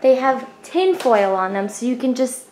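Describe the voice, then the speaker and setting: A woman's voice: on the high side, animated, moderate pace, a little mellow. A cheerful young woman hosting a casual cooking demonstration in her home kitchen, explaining each step plainly. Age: young adult. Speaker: cooking channel host. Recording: roomy kitchen echo, faint noise.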